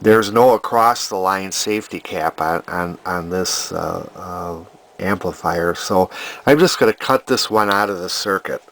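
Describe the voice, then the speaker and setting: A vintage electronics repair hobbyist narrates a fix casually, thinking aloud in a hesitant, rambling manner. His voice sits low, with a fairly bright tone, and he takes his time.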